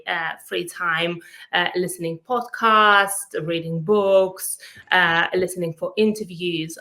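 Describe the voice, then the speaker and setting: A woman with a Lithuanian accent tells her story as a guest in a casual interview. Her voice sits a little low but rings bright and clear. She speaks earnestly, often pausing on fillers. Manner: earnest, hesitant with frequent fillers.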